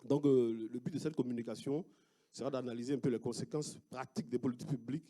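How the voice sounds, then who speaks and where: A man with an Ivorian French accent, a sociologist giving an academic talk with slides, speaking haltingly with many fillers and restarts. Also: mid-range voice, steady tone, dark tone. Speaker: sociologist presenting research.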